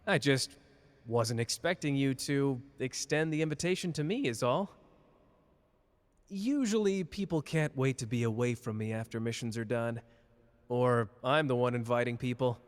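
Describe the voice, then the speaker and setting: A man's voice: medium pitch, moderate pace, natural voice. Man acting cocky, flirty Gojo in long reverb. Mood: surprised, pleased. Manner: teasing, casual, boastful. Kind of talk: ASMR character roleplay addressed to listener.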